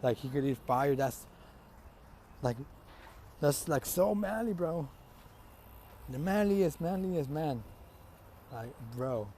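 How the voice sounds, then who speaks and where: A man voicing an excited young male student who talks like a bro in a fan story. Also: mid-range voice, takes it slowly, pauses often, slight background noise, natural voice. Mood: impressed.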